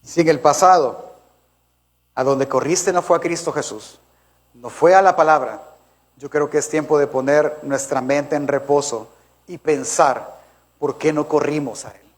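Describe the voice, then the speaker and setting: Male pastor, high-pitched, emphatic sermon delivery with repeated questions to the congregation. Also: a little slow, pauses often.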